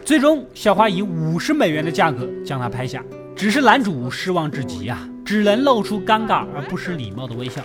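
Speaking a little fast with a high voice and wide pitch swings, a man narrates a film recap as a voice-over on top of loud film music. His telling is chatty, sprinkled with playful asides to whoever's listening.

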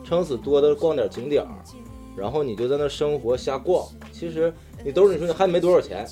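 His voice sits on the high side, brisk and dark in tone, over faint background music. He is a storyteller from Daqing in northeastern China with a Northeastern accent, recounting personal anecdotes to friends in a casual, talk show manner. He's earthy and slangy and swears now and then.

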